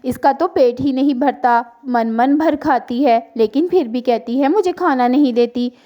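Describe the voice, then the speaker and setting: A harsh, greedy mother-in-law sparrow from an animated storybook cartoon, as a woman narrator puts her on. She scolds in a high voice with a soft, mellow tone. She sounds bossy and sharp-tongued. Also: unhurried. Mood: complaining. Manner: harsh, sharp-tongued, whiny when faking tears.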